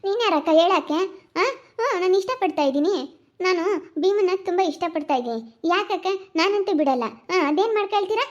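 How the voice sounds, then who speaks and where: Brief: defiant young village girl in love, put on by a woman, high and quick, rural Chitradurga Kannada. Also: expressive. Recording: muffled lo-fi recording.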